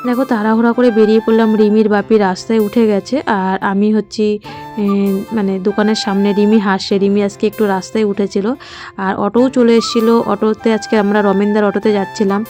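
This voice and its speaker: A middle-aged mother chats casually in her vlog, rambling and heartfelt with many fillers. Her medium-pitched voice is warm, level in tone and fairly quick, with faint music behind her.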